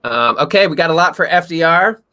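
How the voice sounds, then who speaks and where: Young guy cohosting a history livestream, bright voice, reads chat comments and laughs. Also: fairly high pitch, expressive, fairly quick.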